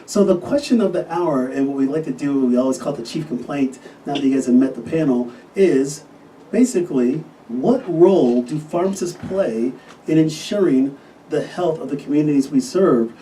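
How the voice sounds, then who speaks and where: A man, a physician, hosting a casual podcast interview and talking with enthusiasm, often pausing on fillers. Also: a little high, expressive, dark tone. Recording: distant mic with faint noise.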